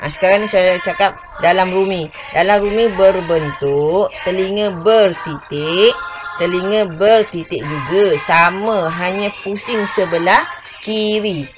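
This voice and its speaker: Woman teacher, Malaysian Malay accent, lowish voice, patient and repetitive, online lesson, faint music behind. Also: measured pace, rough recording. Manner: patient, repeats key points, asks pupils questions. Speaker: religious schoolteacher.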